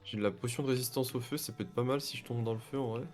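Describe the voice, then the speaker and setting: A man's voice: mid-range voice, very fast, faint music behind. A man playing a game with friends, talking casually and exclaiming now and then. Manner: lively, exclaiming, swearing casually. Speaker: co-player. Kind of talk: casual gaming chat.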